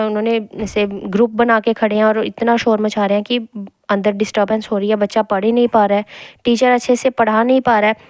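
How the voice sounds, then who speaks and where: A young woman teacher giving an exam-prep lesson, reading each point and then re-explaining it in casual mixed Hindi and English, repeating key phrases slowly. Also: on the high side, no room sound.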